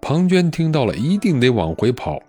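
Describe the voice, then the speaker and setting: A man voicing an earnest ancient military strategist in a storytelling recording, measured and sincere. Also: medium pitch, very animated, mellow, soft background music. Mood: planning.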